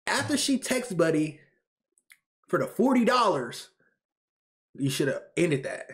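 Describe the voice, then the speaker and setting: Animated young man reacting, voice rising and falling. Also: fairly high pitch. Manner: animated, incredulous, repeats "bro" and talks over the clip. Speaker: reaction streamer. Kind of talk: loud reaction commentary.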